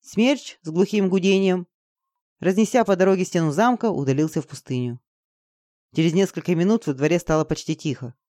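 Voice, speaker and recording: A reader narrating a fantasy audiobook in an even, dramatic storytelling manner. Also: medium pitch, a little fast, dry recording, studio quality.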